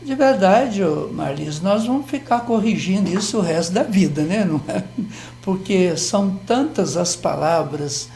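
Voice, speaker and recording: An older Brazilian man teaching grammar on television, with a gravelly, dark tone. He explains patiently, step by step, tossing in small questions to check his listener follows. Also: high-pitched, expressive, normal speed, a little hiss or hum. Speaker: Portuguese language teacher.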